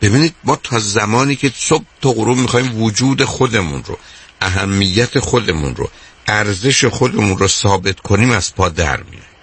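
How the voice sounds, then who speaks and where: A man's voice: lowish voice, animated, a bit bright. An older man hosting a radio call-in advice show, talking emphatically and repeating his points, calling the caller dear.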